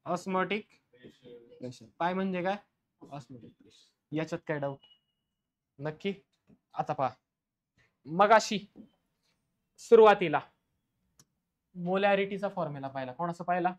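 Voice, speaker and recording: Marathi guy teaching chem in class, keeps quizzing students, reads english definitions out slow. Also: sits high. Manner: keeps asking the class questions and answering them himself; dictates definitions slowly in English. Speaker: chemistry teacher. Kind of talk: classroom lecture.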